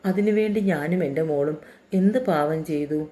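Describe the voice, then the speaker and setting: Woman doing a grieving mom, low mellow voice, desperate. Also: normal speed, lightly acted. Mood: despairing. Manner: despairing, tearful pleading. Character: grieving, desperate mother of a daughter.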